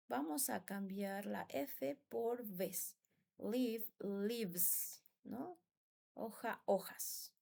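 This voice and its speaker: A woman's voice: mid-range voice, vocal fry, darkish tone. A woman who speaks natively in her English, patiently teaching English grammar and often asking for agreement. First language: Spanish. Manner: patient, repeats words and asks "¿no?" for agreement. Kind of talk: classroom explanation.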